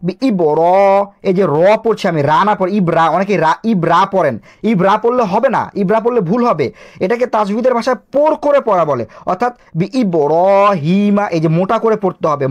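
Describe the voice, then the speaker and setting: A man presents a product in a quick, brisk delivery. He points at the page and explains each feature step by step, slowing down to sound out recitation examples. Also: high-pitched. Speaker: bookshop presenter. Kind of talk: product demonstration.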